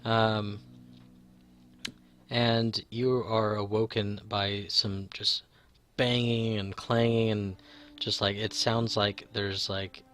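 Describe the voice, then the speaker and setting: Low-voiced rambling game master. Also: male voice, flat delivery, takes it slowly, a bit bright. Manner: rambling, full of fillers. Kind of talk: narrating a tabletop game.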